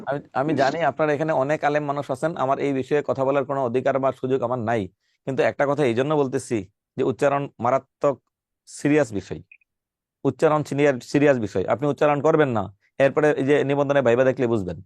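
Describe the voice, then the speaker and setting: A man teaching a classroom lecture, emphatic and repeating key points, spelling words out slowly. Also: mid-range voice, a little mellow, dry recording. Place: classroom with students.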